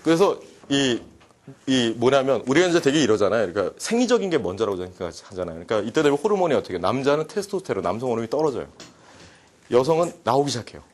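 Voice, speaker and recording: A man giving a humorous psychology lecture to a class, animated and joking, often acting out quoted dialogue. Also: medium pitch. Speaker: university lecturer.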